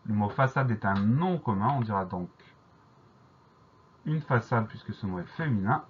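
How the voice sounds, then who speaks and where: A man teaching a French spelling dictation lesson, spelling each word out letter by letter in a slow, deliberate way. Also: fairly low pitch, animated, slightly rough, highs cut off.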